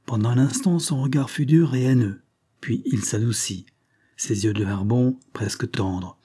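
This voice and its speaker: Mellow, husky male audiobook narrator. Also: mid-range voice, moderate pace. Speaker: audiobook reader. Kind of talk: read-aloud novel narration.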